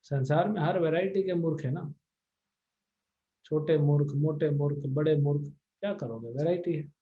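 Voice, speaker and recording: A man's voice: a little high, normal speed, dark tone, dull audio. A man, a spiritual teacher, answering devotees' questions on a video call in a blunt, scolding way with English words mixed in. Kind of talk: devotional Q&A discourse.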